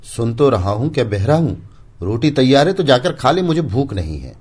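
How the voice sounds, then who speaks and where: A man's voice: medium pitch, expressive, measured pace, warm tone, voice pushed up. A man voicing a proud, hurt young village husband who speaks irritably and bitterly. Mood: irritable.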